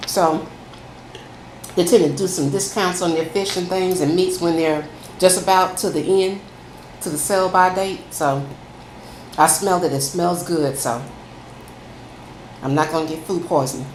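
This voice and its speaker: Casual mukbang host: woman with a lowish voice, folksy and chatty, recorded in a very roomy space. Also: fairly even intonation, measured pace, pauses often. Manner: folksy, addresses listeners as y'all. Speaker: food vlogger. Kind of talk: casual chatty mukbang, talking to viewers while eating. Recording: echoey room, faint background noise.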